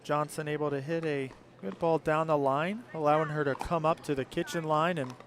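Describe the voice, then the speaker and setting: A man's voice: on the high side, fairly even intonation, fairly quick, a little hiss or hum. A man giving live play-by-play commentary as a pickleball commentator.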